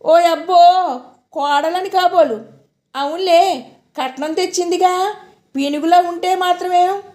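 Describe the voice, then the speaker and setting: A woman's voice: high voice, unhurried, darkish tone. A woman doing a taunting young sister-in-law. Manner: taunting, sarcastic. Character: mocking sharp-tongued young sister-in-law.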